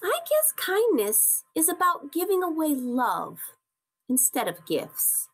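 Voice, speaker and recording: Woman reading a big gentle bear. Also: high voice, huge pitch swings, slow, pitched above the performer's own voice, heavily acted.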